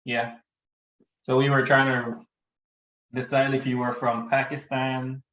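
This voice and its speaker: A male student in an online class chats casually over a video call, rambling in an easygoing way. His mid-range voice is level, unhurried and a bit bright, with roomy echo on the call.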